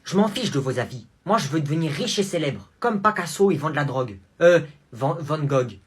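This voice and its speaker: A man with a husky voice playing a boastful boy who proudly declares he will quit school to become a painter, in a comedy skit. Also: a little high, big pitch swings, a little fast. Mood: grandiose. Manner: grandiose, self-important declarations.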